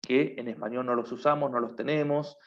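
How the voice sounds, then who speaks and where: Guy teaching a class, mid pitch, keeps asking if everyone's following, kinda muffled lo-fi audio. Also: fairly even intonation, a little fast, slight background noise. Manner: explains patiently, often checks with a questioning "right?". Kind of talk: online class lecture.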